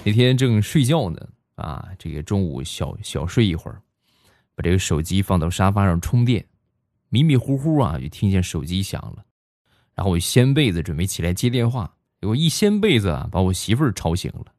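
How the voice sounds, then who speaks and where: A man's voice: low voice, very animated, fairly quick, darkish tone, no echo, studio quality. A man, telling comic stories on a podcast in a chatty, playful way. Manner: chatty and playful, heavy erhua. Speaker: comedy podcast host. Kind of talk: comic storytelling.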